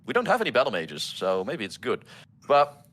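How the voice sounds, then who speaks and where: A man who develops games, giving casual commentary over gameplay with many pauses and restarts. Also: mid-range voice, huge pitch swings, a bit bright. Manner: halting, full of ums and restarts. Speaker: game developer co-hosting a gameplay stream.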